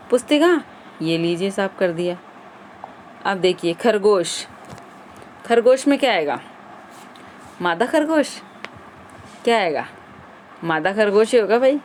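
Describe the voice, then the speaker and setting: A woman's voice: fairly high pitch, a little hiss or hum. A woman teacher running an exam-prep grammar lesson, quizzing viewers and repeating the answers.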